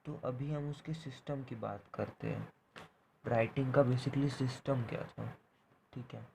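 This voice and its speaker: A man's voice: mid-range voice, fairly even intonation, measured pace, vocal fry, darkish tone, slight background noise, rough recording. A man teaching a history class, explaining step by step and checking in with "theek hai" after each point. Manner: repeats points, ends phrases with "theek hai".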